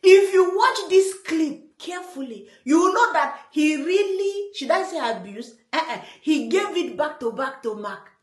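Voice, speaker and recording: A Nigerian woman comments on a clip in a playful, teasing way and keeps breaking into laughter. Her voice sits very high and jumps around a lot. The room gives her voice a noticeable echo. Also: animated, measured pace, hardly any pauses. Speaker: online commentator. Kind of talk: reaction commentary. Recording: roomy echo.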